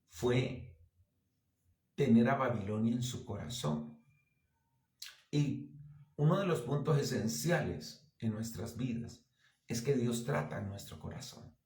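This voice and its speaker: Male pastor, mid-pitched, earnest exhorting sermon, echoey church room. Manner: earnest, exhorting, with lively anecdotes.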